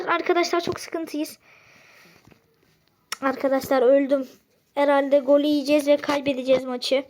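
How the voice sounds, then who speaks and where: A woman giving live gameplay commentary, excitable and often exasperated as she plays. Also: sits high. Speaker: gaming channel host.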